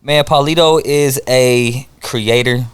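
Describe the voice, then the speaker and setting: A young man from Hawaii, a guest rapper in a casual interview, laid-back and quick to laugh. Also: medium pitch, steady tone, clean tone, dry recording.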